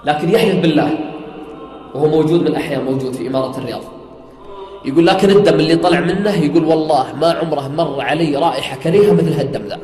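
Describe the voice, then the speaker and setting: A preacher with a slightly high, racing voice tells a story sermon-style, retelling an eyewitness account. He swears oaths and climbs toward near-singing emphasis, almost a chant, and the recording is from an echoey hall with faint music.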